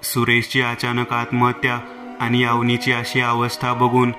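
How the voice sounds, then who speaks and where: A man narrating a horror story in a steady, scripted reading voice. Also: medium pitch, measured pace, music in the background.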